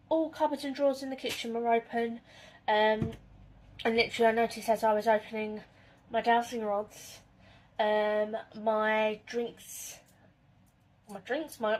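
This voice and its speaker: A woman, chatting casually to camera in her home kitchen and telling spooky stories in a rambling way. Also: fairly high pitch. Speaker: vlogger.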